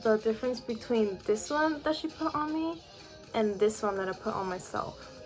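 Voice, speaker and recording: A woman's voice: a little high, animated, normal speed, soft background music. A teenage girl chatting casually to her webcam in her bedroom, full of "like" fillers. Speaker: vlogger. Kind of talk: casual chat to camera. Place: bedroom at home.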